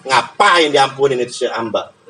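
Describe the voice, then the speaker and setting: A man preaching a sermon in a lively, joking way, slowing down to recite Arabic. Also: mid-range voice, slight background noise, low-quality recording. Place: mosque or prayer hall.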